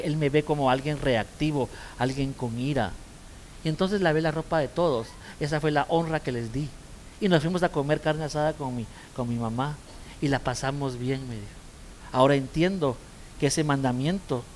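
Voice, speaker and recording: A man's voice: mid-range voice, slight background noise. A man preaching a language sermon as pastor and therapist, telling a story with lots of restarts and "¿verdad?" checks. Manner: animated storytelling, many repeats and "¿verdad?" tags. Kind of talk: sermon with anecdote.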